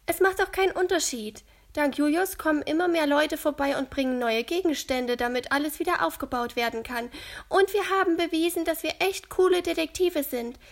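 A woman voicing an eager young girl detective who talks fast and excitedly. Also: high voice, voice pushed up.

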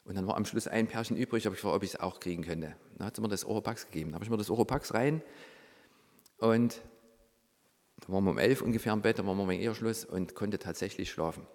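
A man's voice: fairly low pitch, quick pace, in a large hall. A middle-aged man, from Saxony, telling a personal story and acting out the dialogue in it. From Saxony, Germany. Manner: lively storyteller who acts out quoted dialogue, dropping to a hushed voice. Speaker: former reality show participant.

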